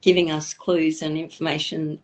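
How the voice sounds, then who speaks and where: A woman speaking as a guest expert in a live online conversation, thoughtful and measured, slowing down on key points. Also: deep voice, little pitch movement, crowd noise.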